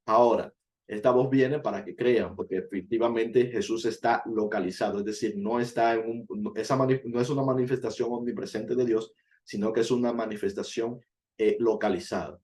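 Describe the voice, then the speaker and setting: Male Bible teacher, earnest and explanatory, mid-pitched voice, punches key words. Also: steady tone, fairly quick, darkish tone. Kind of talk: Bible study sermon.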